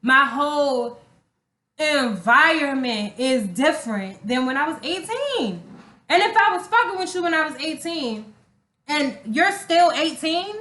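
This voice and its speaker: Expressive and high-pitched, her voice sounds pushed and bright as she keeps a measured pace. She's a young woman co-hosting a podcast, swearing freely in emphatic slang while discussing relationships candidly and casually. The room is echoey.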